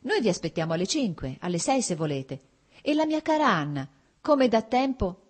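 A kind, gentle mother who pleads softly with her guest, voiced by a woman reader. The voice is slightly husky, the pitch lively. It is storybook narration. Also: moderate pace. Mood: friendly. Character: kind, warm-hearted married woman, a mother.

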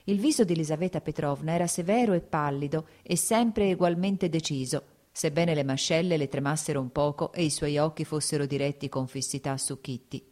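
A woman narrating a novel in a measured reading voice, dropping to hushed tones in tense passages. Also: sits low. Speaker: audiobook narrator. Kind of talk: scripted literary narration.

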